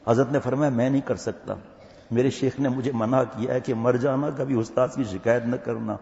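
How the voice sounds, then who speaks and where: A man's voice: mid-range voice, fairly even intonation, vocal fry, dark tone. A man giving a storytelling sermon as a religious scholar, voicing each person in the tale in turn. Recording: dull, echoey hall sound.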